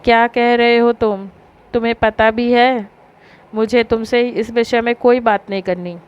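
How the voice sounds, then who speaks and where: A woman's voice: fairly high pitch, steady tone, a little slow, clear, resonant tone, natural voice. A woman voicing a hurt young married woman who answers sharply and with irritation. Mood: irritated. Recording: dull lo-fi recording.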